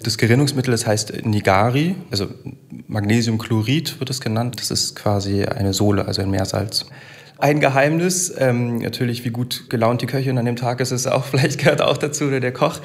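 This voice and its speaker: Gravelly man explaining his craft. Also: mid-range voice, fairly quick. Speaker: tofu maker interviewed. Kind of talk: recorded interview clip.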